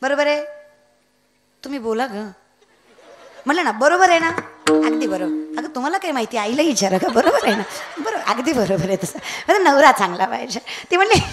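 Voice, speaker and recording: A woman's voice: high voice, very animated, normal speed, long pauses, soft background music. A young woman giving a comic devotional kirtan sermon, telling a story, breaking into sung verses and teasing the audience. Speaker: kirtan preacher.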